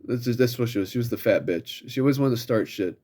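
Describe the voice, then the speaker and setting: A man's voice: mid-range voice, quick pace, warm tone. A young man telling stories from his old job in a blunt, profane way, acting out what people said in mocking voices. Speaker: vlogger. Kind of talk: casual storytelling monologue.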